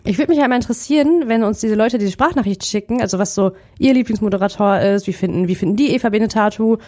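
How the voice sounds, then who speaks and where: A woman's voice: medium pitch, fast talker, warm tone. A woman co-hosting a casual podcast, eagerly guessing quiz clips and laughing easily. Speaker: podcast co-host. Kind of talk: casual chat.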